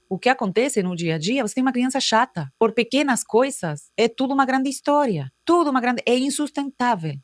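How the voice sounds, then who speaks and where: A woman's voice: on the high side, no echo, clean studio sound. A woman parenting educator speaking emphatically, often acting out dialogue between a parent and a child. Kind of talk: talk clip.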